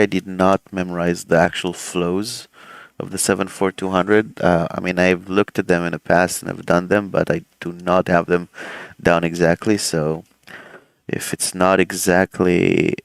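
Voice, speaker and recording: While performing cockpit checks in a flight simulator, an airline pilot streaming the session chats easily, rambling with many fillers, his throat a little swollen. He has a low voice with vocal fry and a clear, resonant tone, with no room sound.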